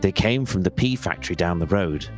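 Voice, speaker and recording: Blustering male player, lively pitch. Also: brisk, soft background music. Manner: blustering, threatening in character. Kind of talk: improvised role-play.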